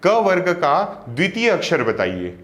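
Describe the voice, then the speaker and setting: A man teaching an exam-prep lesson, explaining step by step, asking questions and answering them himself, and sounding out letters slowly one by one. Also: a little high, big pitch swings, a bit bright, roomy sound.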